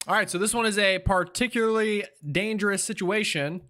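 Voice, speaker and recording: A man with a fairly high, very bright and forceful voice gives live storm coverage. He sounds urgent and excitable, thinking aloud in an informal way as the host of a weather stream. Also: brisk.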